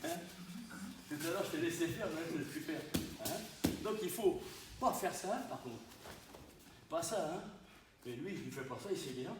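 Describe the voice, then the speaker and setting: A karate instructor demonstrating moves to his students with a rather high voice, punctuating every point with an exclamation. He sounds far from the camera. The big training hall echoes heavily around him. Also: moderate pace, long pauses, background noise. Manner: animated, punctuates with "hein?" and sudden exclamations. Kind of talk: live dojo teaching demonstration. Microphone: distant camera mic.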